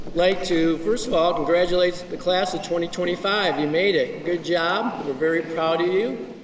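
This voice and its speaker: A man giving a ceremony speech as honor society advisor, slowly reading out students' names. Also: sits high. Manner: slow, reading out a list of names. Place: large school gymnasium. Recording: echoey gym from far off, crowd noise. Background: crowd murmur.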